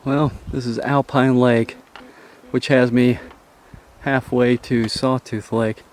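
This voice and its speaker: A man's voice: medium pitch, little pitch movement, slow. Out-of-breath man hiking a mountain trail. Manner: casual, enthusiastic, plainspoken. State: out of breath from climbing. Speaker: hiker filming his trip. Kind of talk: casual vlog narration while hiking. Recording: noisy outdoor recording.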